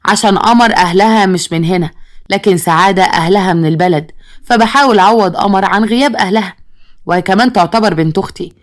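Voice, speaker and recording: A woman's voice: mid-range voice, fast, natural voice. Bossy Egyptian father, read by a woman. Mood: stern. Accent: Egyptian Arabic. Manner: commanding, scolding. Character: stern, bossy village father who favors his daughter-in-law.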